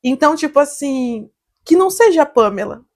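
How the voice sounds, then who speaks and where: A young Brazilian woman, a salon owner, telling animated stories on a casual podcast, laughing often and acting out what people said. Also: sits high, brisk. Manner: animated storytelling, laughs often, acts out quotes.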